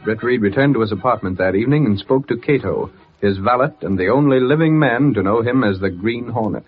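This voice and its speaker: An actor narrating a radio serial in formal, scripted 1940s style. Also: male voice, mid-range voice, animated, brisk, music in the background, natural voice. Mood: solemn. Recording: thin, phone-like old radio recording.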